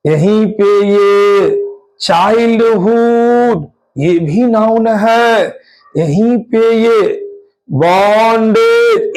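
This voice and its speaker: A man leads an exam-prep grammar lesson in a high, light voice. He talks slowly and deliberately, firing questions at students and repeating the answers for emphasis. He spells out word endings one letter at a time. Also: rough recording. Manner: animated, drills students with quick questions and repetition. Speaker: English grammar teacher.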